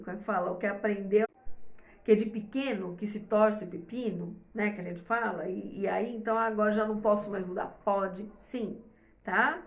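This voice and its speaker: A middle-aged woman and mother giving parenting advice in a casual, rambling talk to camera, full of fillers and tag questions, often pushing her voice up high for emphasis. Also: echoey room.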